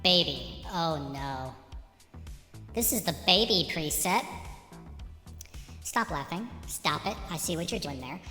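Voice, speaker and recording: A man heard through a high baby-voice pitch preset that sounds like helium, amused and protesting. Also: expressive, slow pace, long pauses, sharp tone, echoey room, in a large hall, soft background music, exaggerated voice. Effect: high baby pitch-shift preset, helium-like.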